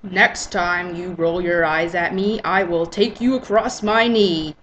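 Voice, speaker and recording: A woman's voice: on the low side, steady tone, measured pace, fairly bright tone, muffled recording, a little hiss or hum. A woman voicing a brooding, controlling, seductive rich man in a hammy stage-actor style for a romance novel reading. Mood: stern, seductive.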